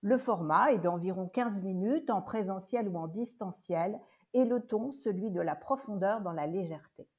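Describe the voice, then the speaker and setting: A woman hosting a podcast interview as a coach, speaking in a measured way with small hesitations. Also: mid-range voice, darkish tone. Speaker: host and coach. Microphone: remote interview recording.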